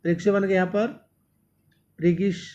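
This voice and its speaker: High-voiced man teaching vocabulary. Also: little pitch movement, moderate pace, a little mellow, highs cut off. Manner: repeats words often and calls the students "my dear". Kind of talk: exam-prep vocabulary lesson.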